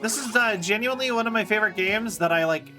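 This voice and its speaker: A woman's voice: medium pitch, fast talker. Cute, upbeat woman streamer over music. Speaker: variety VTuber streamer. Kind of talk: casual game livestream chat. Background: game music.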